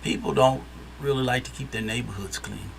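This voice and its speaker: A man's voice: medium pitch, a little fast, creaky, a little hiss or hum. A man from Detroit, a guest in a casual interview, who speaks emphatically and repeats phrases for stress. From Detroit, USA.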